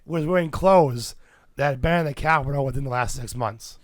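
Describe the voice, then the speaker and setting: A man co-hosting a podcast, with a raspy voice gone hoarse from illness, explaining a topic steadily with fillers. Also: medium pitch, a little fast, no echo, clean studio sound. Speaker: podcast co-host. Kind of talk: casual chat about tabletop games.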